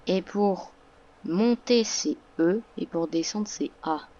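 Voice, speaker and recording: A woman's voice: on the low side, slow, warm tone, dull audio. A woman talking through a game tutorial in a casual voice-over, hesitant, with many fillers and restarts. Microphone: computer microphone.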